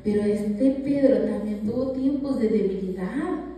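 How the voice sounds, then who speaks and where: A woman's voice: mid-range voice, a little slow, dark tone, slight background noise. A woman preaching a sermon in a church, with strong emphasis, sometimes acting out quoted dialogue. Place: church sanctuary. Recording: echoey church hall, voice from a distance.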